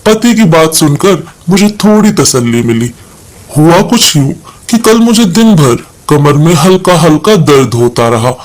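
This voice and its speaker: A man's voice: fairly high pitch, sing-song, a little slow, poor audio. A man narrating a scripted first-person moral story as a storyteller.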